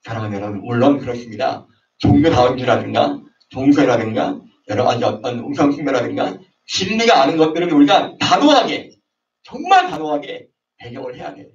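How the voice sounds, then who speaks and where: A man's voice: medium pitch, lively intonation, fairly quick. A man preaching a sermon to a young adults' service, acting out quarrels in raised voices. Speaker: pastor. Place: church sanctuary. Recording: roomy, distant, dull online service audio.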